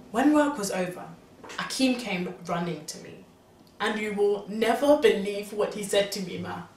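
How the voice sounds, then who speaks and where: An actress playing a young married, pregnant woman, animatedly recounting events to her mother, at times exclaiming and at times hushed. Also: mid-range voice, close to an everyday voice. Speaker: daughter confiding in her mother. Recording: distant, roomy sound with faint background noise.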